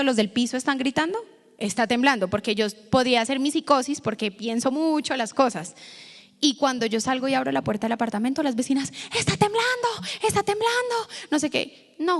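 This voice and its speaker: A woman pastor giving a sermon, telling a personal story to the congregation in a lively, direct way. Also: on the high side. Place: church hall. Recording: long church hall reverb.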